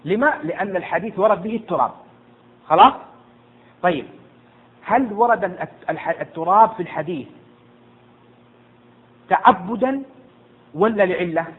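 A man teaching jurisprudence to a class, quizzing and hushing students, often stumbling and repeating words. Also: high-pitched, expressive, normal speed, long pauses. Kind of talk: interactive classroom lesson. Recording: tinny lo-fi with faint noise.

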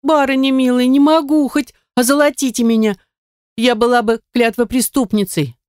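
A woman's voice: on the high side, fairly even intonation, moderate pace, a little mellow, smooth, dry recording, studio quality, voice pushed up, lightly acted. A woman voicing a chatty, flustered young maid who pleads and rambles in a raised voice. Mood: pleading. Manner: breathless, wheedling, rambling.

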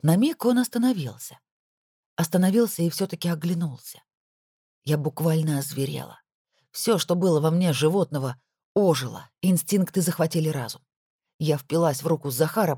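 Woman reading a story in first person, low voice, dry close sound. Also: mellow, slightly rough, no echo. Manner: emotional, intimate storytelling. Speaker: audiobook narrator. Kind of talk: first-person audiobook narration.

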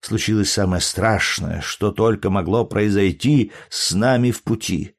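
Male audiobook reader, lowish pitch, measured storytelling. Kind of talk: scripted narration.

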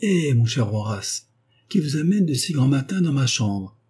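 A man's voice: medium pitch, sing-song, moderate pace, a little mellow, breathy edge, voice pushed up. Athénaïs, a stubborn old noblewoman, as a man puts her on. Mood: teasing. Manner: haughty, dignified.

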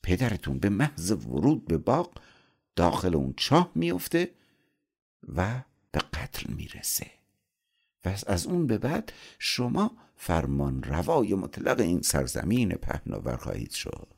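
A man voicing a flattering, scheming male devil who coaxes a prince in an audiobook story. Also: low voice, full character voice. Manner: smooth, wheedling, coaxing.

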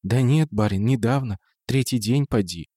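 A man's voice: mid-range voice, normal speed, warm tone, husky, no room sound, clean studio sound, close to an everyday voice. A man voicing a simple-spoken female housemaid who talks in an anxious, whispery, folksy way.

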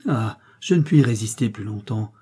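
A man's voice: on the low side, lively intonation, normal speed, mellow, husky. A man voicing an emotional young man who speaks urgently in an adventure audiobook.

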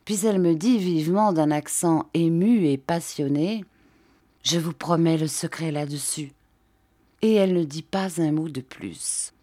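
A woman narrating a classic novel as an audiobook, reading in a steady, measured way. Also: sits low, dry recording.

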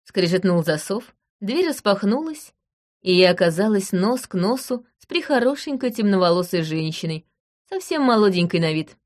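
Woman narrating an audiobook, brisk and dry. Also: medium pitch, expressive, a little mellow. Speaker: first-person narrator.

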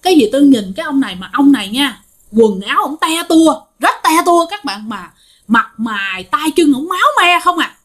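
A woman's voice: sits high, animated, moderate pace, fairly bright tone. A woman with a Southern Vietnamese accent telling a ghost story in a chatty, repetitive way, speaking straight to her listeners.

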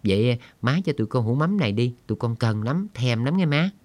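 A man's voice: medium pitch, lively intonation, fairly quick, a little mellow, no echo, close to an everyday voice. A man reading an audiobook voices a young male prisoner who speaks with eager, pleading politeness to an old mother.

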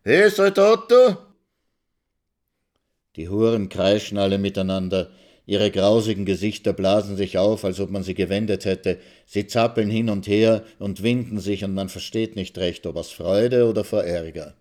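A man reading a literary short story aloud in a calm, measured way. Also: sits low. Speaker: reader of a short story on radio.

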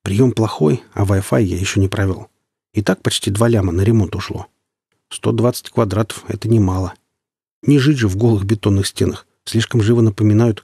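A male audiobook narrator reads in a measured, even way. His voice is low, husky and mellow. The sound is dry and close. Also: dry recording. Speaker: audiobook reader. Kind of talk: scripted narration.

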